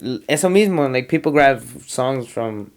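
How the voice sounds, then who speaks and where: A man's voice: mid-range voice, lively intonation, moderate pace, smooth. A man hosting a casual chat about music, laid-back and full of slang, often slipping into Spanish.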